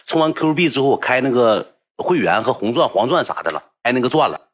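A man with a Northeastern Mandarin accent telling a story casually to livestream viewers, chatty and animated. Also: mid-range voice, quick pace, slightly rough.

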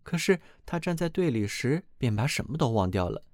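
A man reading a fairy tale aloud as narrator, expressive and animated. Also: medium pitch, fairly quick, no room sound, studio quality.

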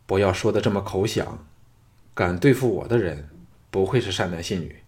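Male reader as weary young hero, guarded, low and subdued, storybook lead. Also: lively intonation, moderate pace, darkish tone.

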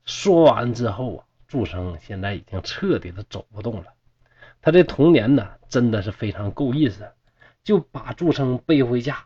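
A man's voice: medium pitch, normal speed, breathy edge. A man telling a classical ghost story in a chatty, colloquial way with asides to the listener. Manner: colloquial, chatty asides, lively swings in loudness. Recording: slightly dull, muffled recording.

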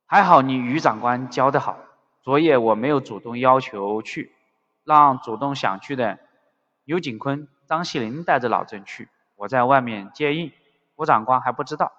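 Man voicing an eager, fawning male subordinate agent; effusive, hurried, muffled reverby recording. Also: medium pitch, a bit bright, close to an everyday voice. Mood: urgent. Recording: dull audio with long reverb.

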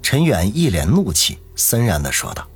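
Husky male storyteller, lively delivery, audiobook narration. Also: on the low side, normal speed. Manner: dramatic storytelling. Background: faint music.

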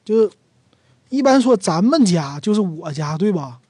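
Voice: medium pitch, breathy edge, no room sound. A speaker from Northeast China with a Northeastern Mandarin accent, casually explaining local dialect words and acting out example lines. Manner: explains slowly, then acts out example lines in a lively voice. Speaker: dialect teacher.

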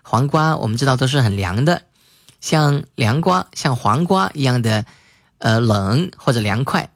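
A man teaches English words in a recorded lesson, spelling each word and repeating the example sentences slowly. His voice sits at an ordinary middle pitch and is recorded dry and close. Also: lively intonation, no echo.

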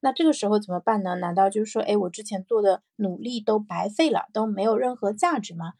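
A woman hosts a personal morning audio show, thinking aloud in a casual, reflective solo podcast style with repeated phrases and little check-in questions. She talks fast in a medium-pitched voice that is gravelly and dark with a breathy edge. The sound is studio quality, with no room sound.

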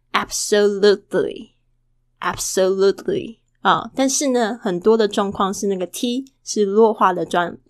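A woman hosting a casual podcast lesson, chatty and full of rhetorical questions, who slowly models English words and repeats them. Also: mid-range voice, dry recording, studio quality. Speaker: English teacher and podcast host.

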